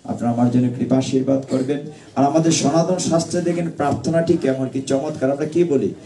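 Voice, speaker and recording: A man giving a devotional discourse on scripture, preaching earnestly and reciting Sanskrit verses slowly. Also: mid-range voice, warm tone. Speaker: Gita preacher.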